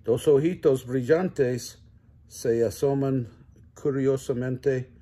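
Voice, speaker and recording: An older man, a grandfather, reading a children's picture book aloud slowly and gently, stumbling now and then and correcting himself. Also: medium pitch, fairly even intonation, slightly rough. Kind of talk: children's story read-aloud.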